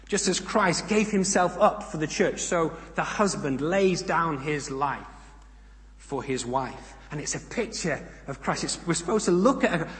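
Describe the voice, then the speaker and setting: A man giving a sermon, reading scripture aloud with rising emphasis and explaining it in calmer asides. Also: on the high side. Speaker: preacher. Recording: long hall reverb.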